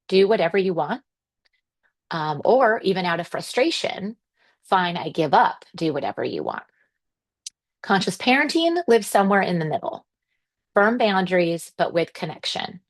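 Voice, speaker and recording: A woman giving a workshop presentation to parents, explaining things in a gentle, reassuring, measured way. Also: lowish voice.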